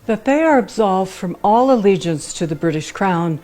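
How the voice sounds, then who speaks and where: A woman's voice: mid-range voice, animated, moderate pace, a little mellow, soft background music. A woman formally reciting a historical document as a horror host.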